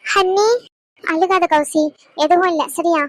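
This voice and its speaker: A woman voicing a gentle young sister-in-law in a cartoon, softly reassuring a younger girl. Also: very high-pitched, steady tone, measured pace, no room sound. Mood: soothing. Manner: soft, soothing, reassuring. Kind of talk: cartoon voice acting.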